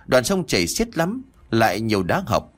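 A male storyteller reads a village ghost story for an audiobook. His pitch moves widely and lively through each sentence, and he leans into the drama of the telling. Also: normal speed. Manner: expressive, dramatic.

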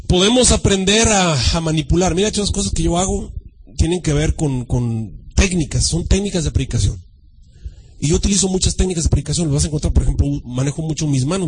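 A male pastor preaching a sermon, dramatic, swinging from shouts to a hushed voice and mimicking churchgoers. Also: on the high side, quick pace, a little hiss or hum, low-quality recording.

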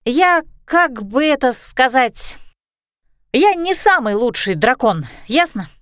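A woman reading a storybook, voicing a chatty, excitable female dragon in a high, bubbly voice. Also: slow, no echo, studio quality, heavily acted. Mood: explaining.

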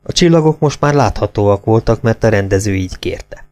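A man reading an audiobook in a steady, measured narration. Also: lowish voice.

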